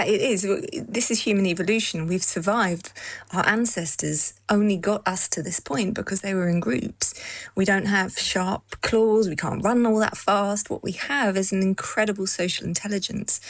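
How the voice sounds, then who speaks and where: A female psychologist in a London studio, explaining her field in an articulate, measured way. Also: mid-range voice, dry recording. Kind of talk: expert interview.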